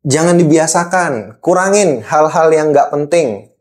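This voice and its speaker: A man's voice: a little high, lively intonation, unhurried, a little mellow. A man from Java playing an angry boss who scolds and lectures a young employee in a role-played monologue, repeating points for emphasis. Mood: stern, scolding.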